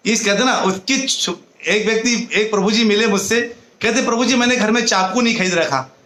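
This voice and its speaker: A man giving a devotional discourse in a high, bright voice, moving between storytelling and chanted verses. The room is echoey. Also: fairly quick. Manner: tells parables and chants mantras, with a light laugh. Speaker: preacher.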